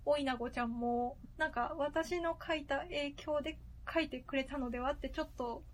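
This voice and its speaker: A woman's voice: high voice, fairly even intonation, moderate pace. A woman talking casually and politely as a podcast guest, with a self-deprecating manner. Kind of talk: casual chat.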